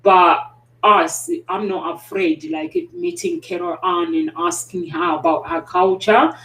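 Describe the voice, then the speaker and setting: A woman hosting a talk show, speaking in a halting, casual way with many pauses and restarts. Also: on the low side, animated, a bit bright. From South Africa. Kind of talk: casual conversation. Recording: roomy sound, distant mic.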